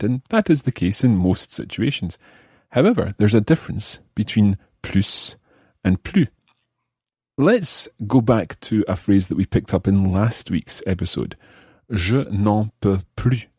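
A man's voice: on the low side, warm tone, breathy edge, no room sound, studio quality. A man hosting a podcast grammar lesson, explaining patiently and step by step. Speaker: language teacher.

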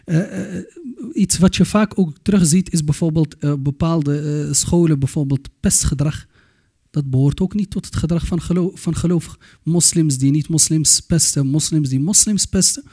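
A man's voice: a little high, moderate pace, dark tone, slightly rough. A man giving an earnest religious lecture to young people, admonishing them, mixing in Arabic phrases and often restarting his words. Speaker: Islamic youth lecturer.

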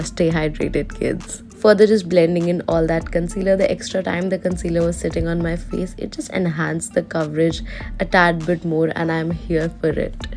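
A woman's voice: fairly low pitch, creaky. A woman in her twenties with an Indian accent, giving a casual, playfully dramatic makeup voice-over as a beauty vlogger. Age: 20s. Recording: voice-over with music behind.

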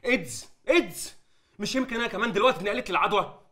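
An actor playing a young man who feels betrayed, hurling bitter accusations and shouting. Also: high voice, lively intonation, racing. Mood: furious. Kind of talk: TV drama acting.

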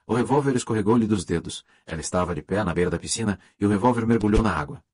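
A man narrating a mystery audiobook in a measured, even storytelling manner. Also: on the low side, no room sound. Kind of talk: scripted narration.

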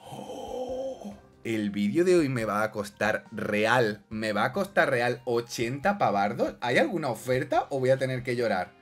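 A young man with a Spain Spanish accent doing animated gameplay commentary, exclaiming and joking with his viewers. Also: medium pitch. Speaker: gaming youtuber.

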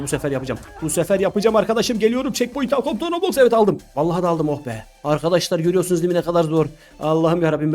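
A man gives excited gameplay commentary at a quick clip. His voice sits fairly high, he exclaims and laughs often, and music plays faintly behind him. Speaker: gaming YouTuber.

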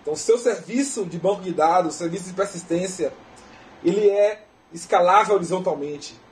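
A man with a Brazilian Portuguese accent giving a technical lecture in a relaxed, conversational way, often tagging questions onto his sentences. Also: high-pitched, moderate pace, rough recording. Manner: conversational, often tags "né?" and restarts phrases. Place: conference lecture hall.

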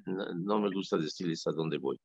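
Un sacerdote católico con acento mexicano que conversa en la radio, con un tono animado y enfático, como quien cuenta anécdotas. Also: male voice, low-pitched, normal speed, gravelly, husky, no room sound. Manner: animated, emphatic, storytelling. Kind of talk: casual radio talk. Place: radio studio. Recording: dry lo-fi radio audio.

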